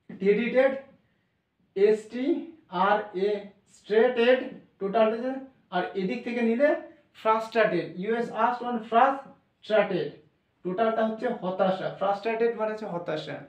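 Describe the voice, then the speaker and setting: A man's voice: high voice, far from the mic. A male teacher explaining English pronunciation, spelling words out and repeating each sound letter by letter. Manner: repetitive, drills sounds letter by letter. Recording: echoey room, voice from off the mic.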